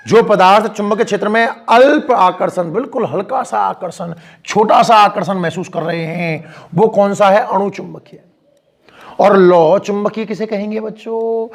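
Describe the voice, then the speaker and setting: A male physics teacher with a high voice and vocal fry gives a classroom lecture in a school room with a board. He speaks directly to students, asking frequent questions and offering encouragement.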